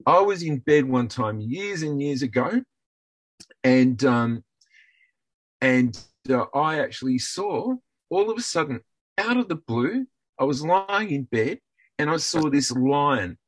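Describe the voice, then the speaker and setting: Husky man telling an earnest story. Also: on the high side, big pitch swings, takes it slowly, no room sound, rough recording. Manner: earnest storytelling with many restarts. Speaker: guest.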